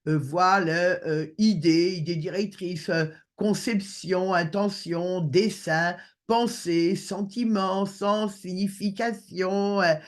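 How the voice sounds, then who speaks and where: Man, online lecture, video call, slow delivery, hesitant, lots of fillers. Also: high voice, steady tone. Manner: hesitant, many filler sounds, demonstrates vocal tones.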